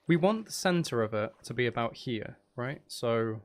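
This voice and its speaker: This time his medium-pitched voice is animated but a little slow. The streamer's gameplay commentary stays casual as he mumbles and counts under his breath, joking at his own expense and cursing playfully.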